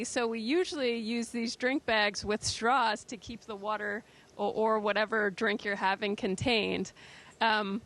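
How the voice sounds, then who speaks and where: A woman with a fairly high voice speaks as an astronaut answering students. She explains things simply and in a friendly way, talking live from a space station. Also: fairly bright tone.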